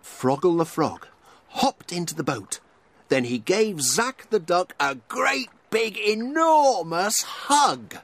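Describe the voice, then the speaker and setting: A man reading a children's story aloud in a slow, expressive manner. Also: sits high, no room sound.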